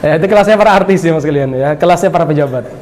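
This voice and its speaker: A middle-aged man from Bima, giving a religious lecture in a lively, humorous storytelling manner. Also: a little high, rapid-fire. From Bima, Indonesia. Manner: lively and humorous, often laughing and acting out dialogue. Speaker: preacher.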